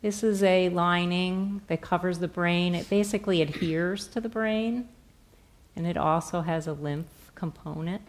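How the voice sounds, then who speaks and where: Middle-aged woman therapist doing a live demo, gentle soft voice, bit on the low side. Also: a little slow, a little hiss or hum. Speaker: therapist giving a demonstration. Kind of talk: live hands-on demonstration, explaining step by step. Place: on a stage in a theatre, indoors.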